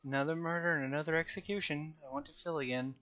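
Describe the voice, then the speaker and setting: A man's voice: a little high, fairly even intonation, fast, a bit bright. A man playing a video game and reading its text aloud as dramatic narration.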